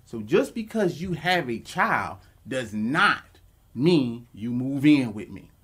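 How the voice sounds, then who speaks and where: A man's voice: medium pitch, big pitch swings, slow pace, a bit bright, slightly rough. A man co-hosting a podcast, arguing bluntly and profanely in casual chat, laughing as he makes his points. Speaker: podcast co-host.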